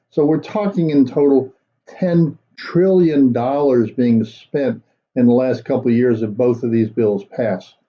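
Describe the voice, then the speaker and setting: A man hosting a political commentary show, talking in a measured, conversational way with frequent fillers. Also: mid-range voice, dark tone, dull audio. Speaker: commentary host.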